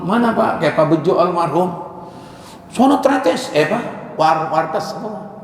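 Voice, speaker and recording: A man giving a casual, joking sermon, slowly reciting Arabic phrases between chatty asides. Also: sits high, gravelly, a little mellow. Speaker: preacher. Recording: echoey hall with faint ambient noise.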